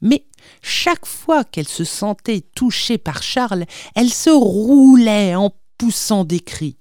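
Brief: a woman reading a children's story aloud, slow, very lively pitch, dry sound. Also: dry recording. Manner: measured, expressive reading. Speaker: audiobook reader. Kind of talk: storybook narration.

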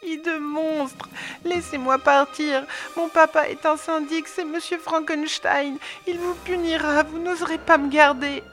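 A woman voicing a terrified, defiant young boy in an audiobook reading, shrill and shouting. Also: steady tone, measured pace, faint music behind. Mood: pleading.

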